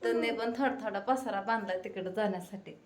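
A woman's voice: mid-range voice, fast talker, a little hiss or hum. A woman in her thirties, a mother chatting casually to her viewers while doing chores at home. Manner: chatty, talks straight to viewers while busy. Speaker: mother and vlogger. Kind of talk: casual home vlog chat. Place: home, kitchen. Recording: echoey room.

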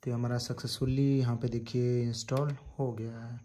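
A man casually walking viewers through installing a hard drive, talking in a steady, repetitive instructional way. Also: mid-range voice, normal speed. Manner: flat, repetitive instructional talk with fillers. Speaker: tech tutorial host. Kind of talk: casual hands-on tutorial. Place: indoors at a desktop PC. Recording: noisy home recording.

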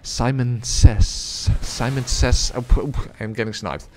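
Talking near a desk microphone, this man reads chat and gives casual live commentary on the game he's streaming, rambling with lots of filler sounds and little laughs. His mid-range voice is warm and unhurried with fairly even intonation, and there's a slight hiss or hum.

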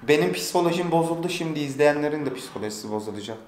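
A young man vlogging casually, complaining loudly and swearing in comic exasperation. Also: fairly high pitch, animated, racing, slight background noise. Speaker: YouTuber. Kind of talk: casual vlog chat. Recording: very echoey room.

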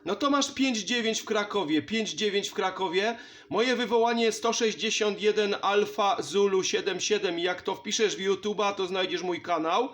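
A man with a high, fairly bright voice talks at a normal speed, chatting casually and warmly as a CB radio operator and channel host. He's making a relaxed CB radio contact from a radio station set up indoors at home.

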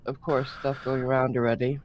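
A man playing a group game online, chatting in a lively, excitable way. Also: mid-range voice, fairly quick, dull audio, a little hiss or hum. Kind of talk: casual gaming chat.

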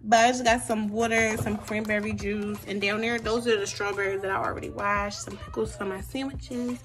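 Young woman chatting through a dorm tour. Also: mid-range voice. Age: young adult. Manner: chatty, listing items, addresses viewers as y'all. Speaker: college freshman vlogger. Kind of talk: casual dorm tour vlog. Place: small dorm room indoors.

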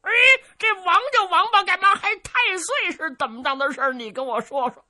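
A woman's voice: very high voice, fairly quick, bright, forceful tone, pitched above the performer's own voice, full character voice. A woman doing a naive simple-minded young strongman. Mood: naive, cheeky. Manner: childlike, blunt questions, cheeky.

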